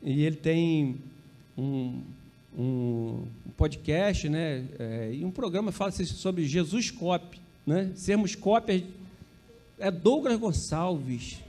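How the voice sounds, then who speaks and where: Brazilian pastor guy, high voice, chatty sermon, jokes at himself. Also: expressive, takes it slowly, dark tone. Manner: conversational, peppered with tag questions to the congregation; self-correcting, joking asides.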